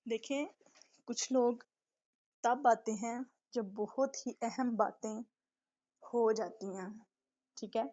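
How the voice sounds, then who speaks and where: A woman teaching recitation in a live online lesson, explaining patiently, drawing out letter sounds slowly, and often checking that her students follow. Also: a little high, steady tone, warm tone. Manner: patient, explanatory, keeps checking with a repeated question. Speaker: tajweed teacher. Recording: dull lo-fi online stream audio.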